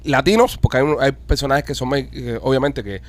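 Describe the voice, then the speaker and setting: A man's voice: medium pitch, a little fast. A man hosting a podcast, telling a story in a rambling, profane way with many restarts. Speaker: podcast host. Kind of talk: casual chat.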